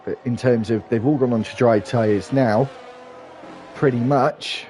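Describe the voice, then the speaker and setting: Over background music, a male commentator calls an online sim race live in a medium pitch, moving a little slowly. Hay fever leaves him sounding slightly congested, and his steady stream of talk includes small restarts.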